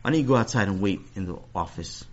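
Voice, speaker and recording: A man doing a calm school principal rabbi. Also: on the low side, fast talker. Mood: reassuring. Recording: dull lo-fi recording.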